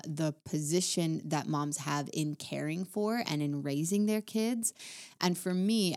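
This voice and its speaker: A woman in her thirties, a pastor co-hosting a podcast, speaking in a warm, thoughtful way and often searching for words. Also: low-pitched. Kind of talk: casual conversation.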